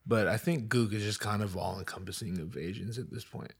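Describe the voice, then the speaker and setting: A man's voice: lowish voice, brisk, vocal fry, breathy edge. A man telling a long story in casual, profane chat.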